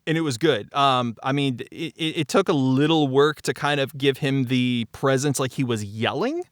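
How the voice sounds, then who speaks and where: At a moderate pace and with a clean, mid-range tone, a man in his forties discusses the making of his audio drama through animated, conversational anecdotes. He's frank and forceful, repeating phrases for stress, and the studio audio is clean with no echo.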